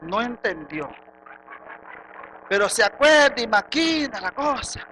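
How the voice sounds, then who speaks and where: A Venezuelan man preaches a church sermon in a high, piercingly bright voice. He drops into quiet asides, then rises to loud rhetorical questions. A faint background hiss sits under the voice. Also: very animated, unhurried, rough recording. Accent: Venezuelan Spanish. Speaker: pastor. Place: church sanctuary.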